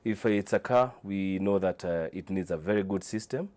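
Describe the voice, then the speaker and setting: A Kenyan man with a fairly low voice speaks as an interview guest. His delivery is informal and hesitant, feeling his way through answers in halting phrases. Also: darkish tone. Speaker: interview guest, car audio dealer.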